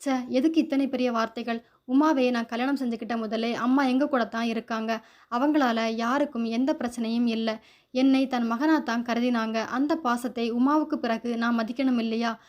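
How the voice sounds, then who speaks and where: Casting: woman reading as a gentle reassuring young husband, mellow tone, slightly high. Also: steady tone, moderate pace, highs cut off, close to an everyday voice. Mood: sorrowful. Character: kind, devoted young widower.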